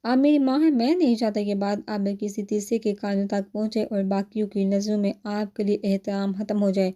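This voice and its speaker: Angry young guy laying down a stern last warning , a woman reading it out, dark mellow voice. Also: medium pitch, fairly even intonation, close to an everyday voice. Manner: stern, threatening. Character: furious young man warning his mother.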